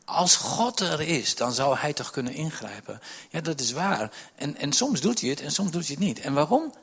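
A middle-aged man preaching a sermon in a church. He speaks emphatically, piles up repeated questions and drops to a hush to stress a point. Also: a little high, big pitch swings, moderate pace, vocal fry, breathy edge. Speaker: pastor. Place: church service with listeners present.

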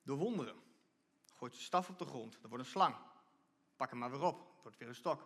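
A man preaching a sermon, lively, often repeating and restarting phrases and reading scripture aloud. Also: mid-range voice, a little fast, husky.

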